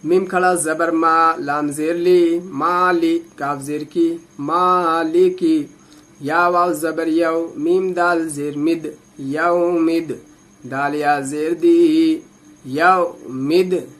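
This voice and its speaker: धीमे-धीमे अक्षर जोड़ता हिंदी-उर्दू लहजे वाला पुरुष शिक्षक. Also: male voice, on the high side, level tone, a bit bright. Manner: patient, drawn-out syllable drilling. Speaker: Quran teacher. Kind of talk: slow spelled-out recitation lesson.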